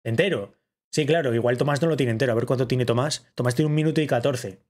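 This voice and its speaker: A man reacting to a livestream clip in casual commentary, excitable and repetitive, often bursting into mock-awed shouts. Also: medium pitch, fast talker. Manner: excitable, shouts in mock awe, repeats himself.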